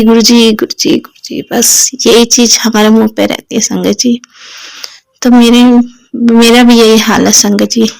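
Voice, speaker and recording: A woman's voice: on the high side, vocal fry, a little mellow, no room sound, rough recording. A middle-aged woman telling a devotional personal story to a congregation, rambling and often addressing the listeners respectfully. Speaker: devotee sharing testimony.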